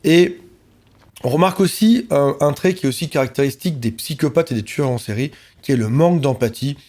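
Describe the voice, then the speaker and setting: A man's voice: medium pitch, a little fast, darkish tone. A man, a relationship coach, talking to camera in an earnest, reassuring way and listing points in repeated phrases.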